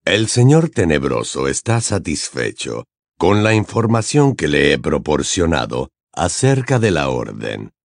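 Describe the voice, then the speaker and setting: A cold, calculating man who answers with calm sarcasm, as a man reads him. His voice is very deep and unhurried, with wide swings in pitch. An audiobook character voice with a dry, close sound. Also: vocal fry, no echo, full character voice. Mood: sardonic. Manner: slow, low and measured.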